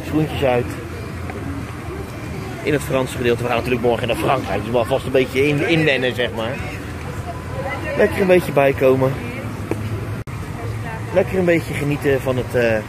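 A Dutch-accented man in his thirties vlogs his way through a crowded outdoor theme park, holding an action camera at arm's length and chatting casually with plenty of fillers. His voice is medium-pitched and unhurried, with long pauses. Music is clearly audible behind him amid the background noise.

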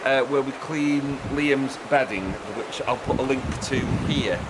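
Chatty Englishman talking over river noise. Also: mid-range voice. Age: middle-aged. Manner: chatty, raised voice projected over background noise. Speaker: vlogger presenting a build project. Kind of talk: casual explanatory vlog to camera. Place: outdoors beside a fast-flowing river. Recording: outdoor recording with rushing river noise.

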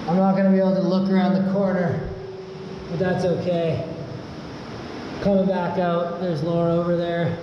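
Young man's voice in a booming cave echo. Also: flat delivery, normal speed, pauses often. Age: young adult. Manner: awed, exclaiming. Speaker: vlogger. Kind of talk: casual handheld vlog commentary. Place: inside a rock cave with running water. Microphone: handheld camera. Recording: muffled cave echo, loud water noise.

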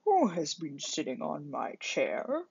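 A woman voicing a gruff father bear in a read-aloud storybook. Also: low voice, huge pitch swings, slow pace, darkish tone, dry recording, voice pushed down, full character voice. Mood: indignant. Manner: growling, exclaiming. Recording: dull lo-fi recording.

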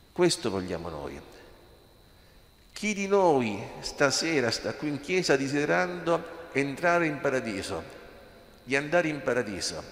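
A man's voice: mid-range voice, a bit bright. A man, a priest, preaching an impassioned sermon in a church, firing rhetorical questions at the congregation. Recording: echoey church with long reverb.

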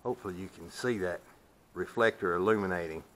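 A man's voice: sits low, fast, a bit bright. Folksy man explaining his sawmill. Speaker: sawmill owner. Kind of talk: hands-on demonstration. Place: open metal sawmill shed.

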